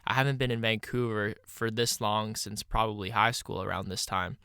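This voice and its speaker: Young man with a stuffy nose, bright and crisp. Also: on the low side, fairly even intonation, normal speed, no echo, clean studio sound. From Canada. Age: 20s. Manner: casual, reflective, many "you know" fillers. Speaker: podcast host. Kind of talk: solo podcast monologue.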